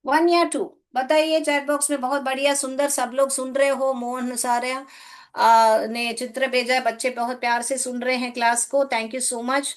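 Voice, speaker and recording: A woman English teacher from India runs a live online class in Hindi, coaxing her pupils, asking them questions and calling them "beta." Her voice sits high, with a level tone at normal speed.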